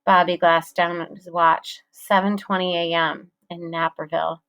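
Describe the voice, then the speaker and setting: A woman narrating a children's audiobook in a measured storytelling manner. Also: fairly low pitch, little pitch movement, a bit bright, clear, resonant tone.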